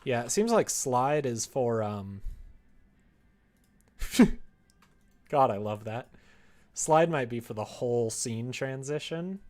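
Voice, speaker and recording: A man streams casually while working on a visual novel, thinking aloud and talking to himself in a giggly, playful way. His mid-range voice has lively intonation and a slightly mellow quality, unhurried with frequent pauses. Soft music plays in the background.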